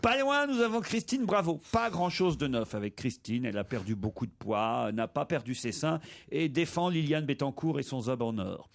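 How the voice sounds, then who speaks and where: A man's voice: medium pitch, normal speed, gravelly, few pauses. A man hosting a comic radio show, reading out joking introductions in a mocking way.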